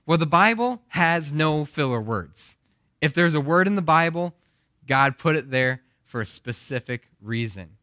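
A young male pastor preaching in an earnest, questioning way, his voice groggy. The tone is bright and forceful, and the sound is close and dry. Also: fairly high pitch, dry recording. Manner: earnest, asks the congregation questions. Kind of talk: sermon.

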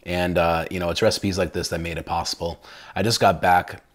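A man's voice: sits low, level tone, brisk. A young adult man hosting a casual cooking vlog from his home kitchen, chatty and enthusiastic with lots of fillers. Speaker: cooking channel host.

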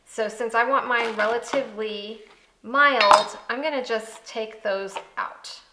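An American woman in her thirties hosts a cooking show from her home kitchen, walking through a recipe step by step in a conversational, instructional way. Her voice is on the high side with a steady tone and unhurried pace, and the very noisy recording has background music.

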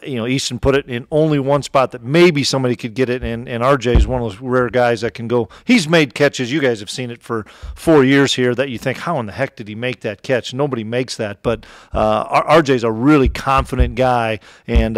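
Man, Upper Midwest accent, coach at a postgame presser, smooth resonant voice, close table mic, dry sound. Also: medium pitch, dry recording. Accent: Upper Midwest American. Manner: relaxed, plainspoken, frequent fillers and restarts. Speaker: head football coach. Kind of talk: postgame press conference answers. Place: press room in front of a sponsor backdrop. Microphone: table mic close in front.

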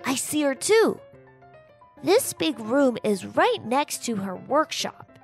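An eager, wide-eyed young boy, voiced by a woman, exploring history in a children's audio drama. The voice sits fairly high and swoops through a lively range. He sounds full of wonder at each new find. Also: slow pace, vocal fry, soft background music, full character voice. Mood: excited.

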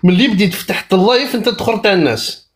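Caller, mid-high voice, quick and scornful, mocking the host. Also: male voice, lively intonation, a little hiss or hum. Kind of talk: heated live debate.

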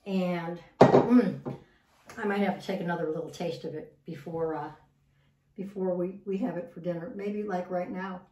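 A woman's voice: on the low side, fairly even intonation, moderate pace, dark tone, distant mic. Chatty woman cooking in a roomy kitchen. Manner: chatty, repeats words as she works. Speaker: cooking show host. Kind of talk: casual cooking demonstration. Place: home kitchen.

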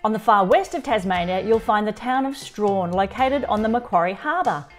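A woman's voice: medium pitch, animated, brisk, soft background music. A woman in her forties with an Australian accent, presenting a travel road trip with upbeat, encouraging narration. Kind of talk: travel narration and car chat. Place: inside a moving car.

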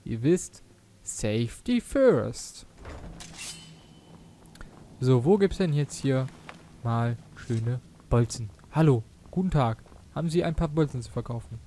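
A man's voice: mid-range voice, moderate pace, dark tone, a little hiss or hum. A man giving casual, jokey let's play commentary, mixing in English slang. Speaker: let's player.

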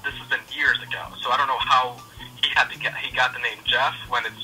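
A man's voice: mid-range voice, fairly even intonation, fast talker, bright, forceful tone, soft background music. A man working in a shop, speaking over a phone line in casual, polite, somewhat hesitant customer-service talk. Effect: telephone. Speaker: retail store employee. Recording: voice heard over phone call.

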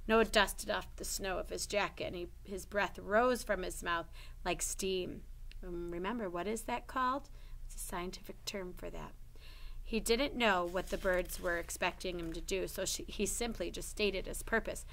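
A woman's voice: lowish voice, moderate pace, creaky, fairly bright tone. A woman reading a children's novel aloud chapter by chapter, voicing the characters' lines with expression.

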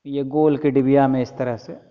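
A male teacher giving a lesson, reading English text aloud very slowly and then explaining each line in detail. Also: medium pitch, flat delivery. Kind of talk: classroom lecture explaining an English textbook chapter in Hindi. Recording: lo-fi recording with long echo.

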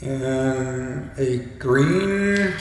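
A man hesitantly explaining a home wiring job in a casual how-to, his voice booming back with a heavy echo. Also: drawn-out words. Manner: hesitant, many ums and uhs. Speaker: DIY how-to presenter. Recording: very echoey room with long reverb and faint hum.

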